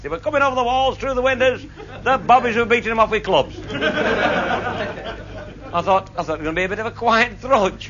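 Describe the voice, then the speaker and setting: A man's voice: sits high, pushed and bright, a little hiss or hum. A man telling comic stories to a live audience, broad and earthy, swearing freely and voicing the people in his tales. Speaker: raconteur. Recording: muffled old live recording with audience laughter.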